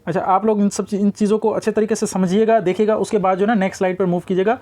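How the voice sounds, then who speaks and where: A man teaching a grammar lesson, explaining step by step and reading out word pairs slowly. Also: high voice, little pitch movement, dark tone. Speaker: English teacher. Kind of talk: classroom-style grammar lesson.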